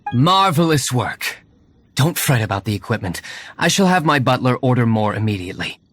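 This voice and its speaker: Diluc, an aloof, formal young gentleman. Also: medium pitch, big pitch swings, dry recording. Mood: calm, commanding. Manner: formal, measured, terse. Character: composed, aloof young gentleman winery owner, shrewd schemer. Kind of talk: video game character acting. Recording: game music behind the voice.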